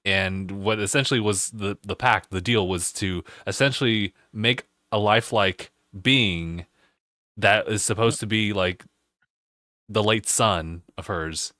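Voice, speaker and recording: A man co-hosting a gaming podcast, explaining things casually with pauses. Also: on the low side, sharp tone, no room sound, studio quality. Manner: measured, explaining with pauses and fillers. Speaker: podcast co-host. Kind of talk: casual chat.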